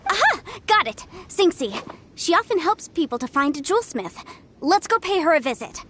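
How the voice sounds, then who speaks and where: Here the same actress gives the clever young legal advisor a confident, crisp delivery with a hint of amusement. She speaks at a normal speed in a high-pitched, very animated female voice, and background noise can be heard.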